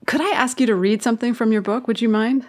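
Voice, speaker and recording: A woman's voice: on the high side, fairly even intonation, fast. A woman hosting a show, moving between scripted narration and interview questions. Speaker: show host.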